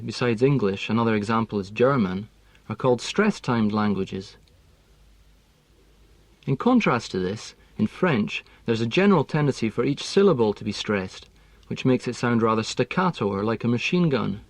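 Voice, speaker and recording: A man delivers a scripted lesson on speech and intonation at a steady, precise pace, in a mid-range voice. The recording is dry and close, with no room echo. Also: medium pitch. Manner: measured, precise, explanatory. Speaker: language teaching expert.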